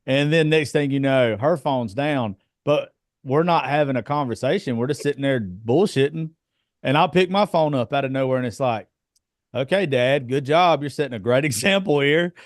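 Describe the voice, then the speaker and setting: A man's voice: medium pitch, normal speed, dry recording. Thirty-something guy, mid voice, blunt and swearing a lot, dry sound. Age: 30s. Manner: blunt, swears freely, tells stories. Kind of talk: casual chat.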